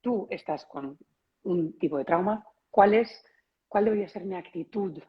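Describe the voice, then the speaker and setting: A woman hosts an interview, searching for her question and rephrasing it with tag questions. Her voice is low and husky. The sound is dull, as on a video call. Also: moderate pace. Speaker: interviewer and yoga teacher.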